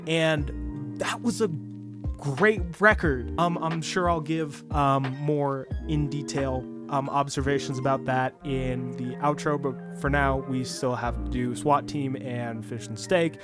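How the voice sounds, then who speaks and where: In his bedroom with music playing behind him, a music reviewer rambles casually about an album, full of fillers and restarts, and sounds a bit sick. His voice is medium in pitch and steady, and he takes it slowly.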